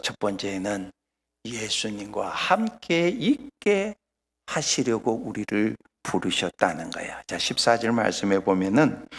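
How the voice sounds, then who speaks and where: A male pastor preaching a Sunday sermon, emphatic, swinging from loud exclamations down to near-whispers. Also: medium pitch. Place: church sanctuary. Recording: long church hall reverb.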